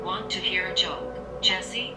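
A woman's voice: on the low side, slow, over music. A synthetic woman's voice playing a possessed, taunting phone voice assistant with scripted replies, heard from a phone speaker. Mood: teasing.

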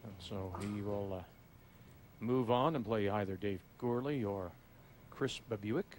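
A sports announcer gives live, conversational play-by-play on a bowling match, with an inquisitive manner. His voice is on the low side and darkish, and he speaks a little slowly. Crowd and hall noise from the live audience fill the background.

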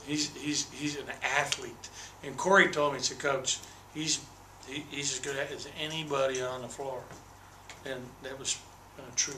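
Speaking into a table microphone on a desk, an older college basketball head coach gives postgame press conference answers in a bright, forceful tone, candid and detailed, doubling back on words when restarting. His medium pitch carries fairly even intonation at a slightly slow pace with long pauses. A roomy echo fills the small press room, plus a little hiss or hum.

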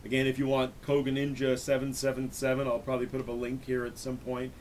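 Male host, 30s, average pitch, relaxed interview chat recorded indoors, slight background rumble. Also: fast talker. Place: small furnished room, indoors.

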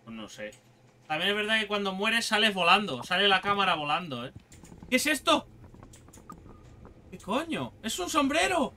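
Un hombre con acento de España que comenta una partida de un videojuego de forma desenfadada, grita a los monstruos y suelta tacos a cada rato. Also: male voice, sits high, normal speed, pauses often. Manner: excitable, shouting and swearing at monsters. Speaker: gaming YouTuber. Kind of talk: casual let's-play commentary.

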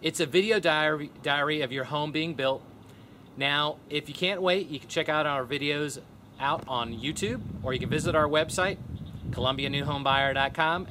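Bright-voiced man presenting outdoors. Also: a little high, a little hiss or hum. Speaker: real estate team leader. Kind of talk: scripted video update to camera. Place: outdoors by a pond in a neighborhood.

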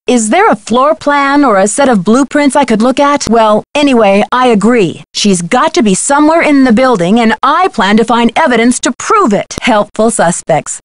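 A voice actress in a detective adventure game delivers scripted dialogue as a plucky, determined young amateur sleuth, sounding earnest and inquisitive. Her voice is slightly high and close to an ordinary speaking voice, with no echo.

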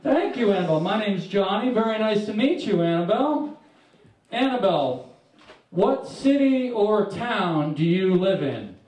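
A man's voice: high-pitched, lively intonation, measured pace, darkish tone. A man hosting a comedy show on stage, addressing the audience in theatrical emcee patter. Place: small dark club stage, indoors. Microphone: handheld stage microphone, captured by a far camera. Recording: echoey club PA from far off, crowd noise.

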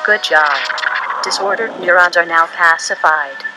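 A robotic female AI guide from a video game, voiced by a woman, speaking in formal, clipped machine announcements. Her voice sits slightly low. Loud game music plays behind her. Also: a little slow, natural voice, rough recording. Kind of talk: game character voice-over.

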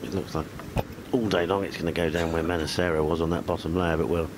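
A man with a very low-set voice gives live golf commentary. Outdoor noise is clearly heard behind him. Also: little pitch movement, quick pace. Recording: noisy outdoor broadcast ambience.

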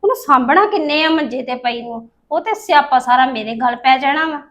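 A woman with a high voice plays a daughter in a family drama. She plots and reassures in a steady tone. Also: brisk. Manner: scheming, reassuring. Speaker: daughter scheming with her mother. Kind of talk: scripted village family drama.

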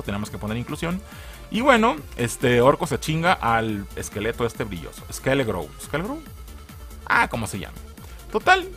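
A man's voice: mid-range voice, pushed and bright. A man with a Mexican Spanish accent giving a casual spoken video review, joking, swearing and laughing often.

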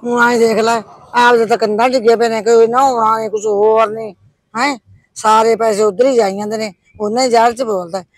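A woman's voice: on the high side, fairly even intonation, brisk, no room sound, natural voice. A woman playing a gossipy, complaining old village woman, with a Punjabi accent. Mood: gossiping. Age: older. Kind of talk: village comedy drama.

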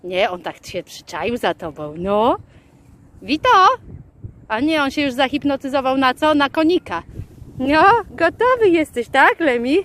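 A woman talking to her dogs outdoors in the fields, in a sing-song baby-talk voice, calling out commands and squealing with excitement. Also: high voice, measured pace. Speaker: dog owner vlogger.

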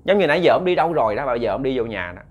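A man's voice: medium pitch, big pitch swings, very fast, dull audio. A young man with a Southern Vietnamese accent narrating a ghost story, chatty and speaking straight to his listeners. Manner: chatty, addresses listeners directly. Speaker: storyteller host.

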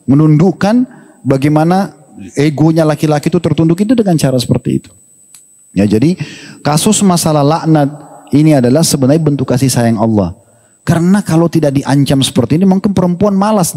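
A man preaching in an animated, humorous question-and-answer talk, acting out quoted dialogue. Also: high voice. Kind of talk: religious Q&A talk. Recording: long hall reverb.

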